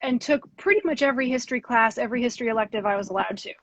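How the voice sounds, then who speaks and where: A woman's voice: a little high, racing, no echo. A woman from Pennsylvania in her thirties, an education consultant chatting as a guest in an interview, with lots of ums and a self-deprecating way of talking. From Pennsylvania, USA. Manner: frequent ums, self-deprecating, laughs easily. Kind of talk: casual interview chat. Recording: dull dry lo-fi audio from a live stream.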